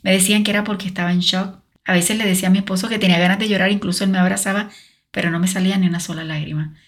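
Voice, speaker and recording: A woman's voice: medium pitch, fairly even intonation, very fast. A middle-aged woman telling her own faith testimony, speaking earnestly and straight to the listener. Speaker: podcast host sharing a personal testimony.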